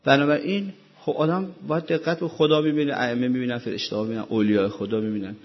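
Husky-voiced man preaching a sermon. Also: mid-range voice, fairly even intonation, muffled recording. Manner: rhetorical questions in a row. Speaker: religious lecturer.

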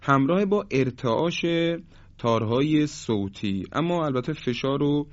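A man giving a formal, polite pronunciation lesson on Quran recitation, repeating sounds slowly to demonstrate them. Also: medium pitch, animated, dry recording. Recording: slightly dull lo-fi sound.

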